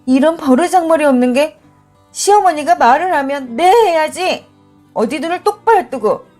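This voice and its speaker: A domineering old mother-in-law with a high, sharp, scolding voice, put on by a woman narrating a radio story. She lectures and talks down, her pitch leaping high on every reproach. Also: expressive, normal speed, soft background music. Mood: indignant. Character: harsh overbearing older mother-in-law.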